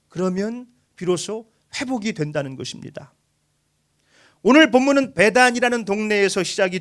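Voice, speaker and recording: Casting: male pastor, high voice, emotive sermon delivery that swings between hushed and pleading. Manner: emotive preaching, voicing the grieving with raised pitch.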